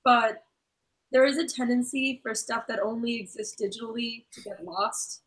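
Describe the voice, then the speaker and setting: A woman on a student help desk, her voice going hoarse, explaining practically with some hesitation. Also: fairly high pitch, steady tone, normal speed, a bit bright, poor audio. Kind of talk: casual discussion.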